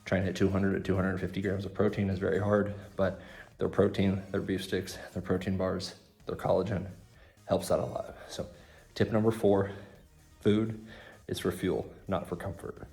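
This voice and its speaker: A man's voice: sits low, fairly even intonation, moderate pace, creaky, a little mellow, faint music behind. A man talking to camera in his home garage gym, giving fitness and training tips with joking asides, a little out of breath. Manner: joking, self-deprecating asides. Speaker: fitness content creator. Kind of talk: casual vlog tips to camera.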